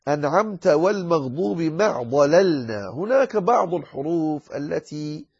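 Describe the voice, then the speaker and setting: Male scholar, slightly high and husky voice, teaching recitation rules; lecture pace, stretches out recited examples; dull lo-fi recording. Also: expressive, darkish tone. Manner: slows down to recite examples with drawn-out words. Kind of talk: explanatory lecture.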